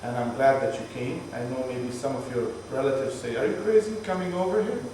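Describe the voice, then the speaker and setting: A man's voice: mid-range voice, a little fast, a little mellow. A man talks a tour group through the sights, explaining things patiently and joking along the way. His voice is distant and echoey, picked up on a moving bus with faint road noise behind him. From Palestinian, from Jerusalem. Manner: chatty, explaining patiently with jokes. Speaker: tour guide. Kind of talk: guided tour talk to a group.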